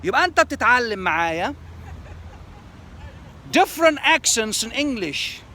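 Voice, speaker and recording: Switching between Arabic and English, this Egyptian man promotes a lesson on language skills, explaining terms and repeating them in both languages with an Egyptian Arabic accent. His very high voice is very animated, bright and forceful, and he speaks a little slowly.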